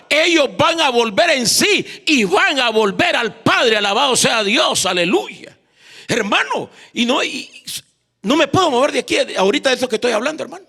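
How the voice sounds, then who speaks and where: Bright, gravelly Honduran evangelist. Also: male voice, very high voice. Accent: Honduran Spanish. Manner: repeats "hermano" constantly, calls for responses. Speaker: evangelist preacher. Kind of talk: sermon. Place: church.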